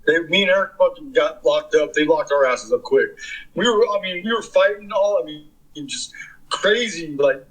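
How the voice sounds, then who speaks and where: A man's voice: on the high side, animated, normal speed, fairly bright tone, low-quality recording. A man in his fifties from the California Bay Area, a guest in an interview, telling long stories in a rambling, profane, casual way. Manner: rambling, profane, filler-heavy. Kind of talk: casual storytelling.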